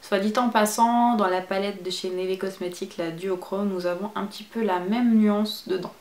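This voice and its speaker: A woman's voice: mid-range voice, fairly even intonation, moderate pace, a little mellow. Chatty woman reviewing makeup, echoey room. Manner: chatty, enthusiastic describing shades. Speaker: beauty vlogger.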